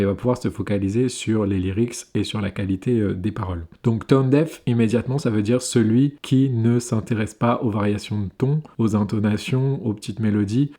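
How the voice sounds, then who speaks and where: Man, low voice, husky, explaining song lyrics. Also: mellow. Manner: explanatory, reads English lines slowly then translates.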